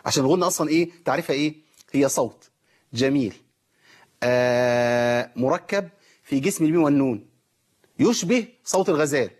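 Husky, fast-talking Egyptian man teaching. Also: on the high side, a little mellow. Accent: Egyptian Arabic. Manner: explains with rhetorical questions, demonstrates recitation. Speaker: Quran recitation teacher. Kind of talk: tajweed lesson.

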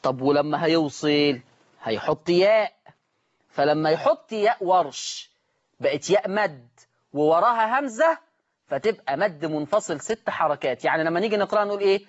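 A man with an Egyptian accent teaching Quran recitation on a call-in lesson, repeating each word slowly and stretching out the recited forms. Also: high-pitched, animated, muffled recording. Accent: Egyptian Arabic.

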